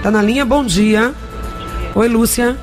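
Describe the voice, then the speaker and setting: A woman's voice: on the high side, a little slow. A woman, hosting a live radio phone-in and talking to listeners. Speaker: radio host taking listener calls. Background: music.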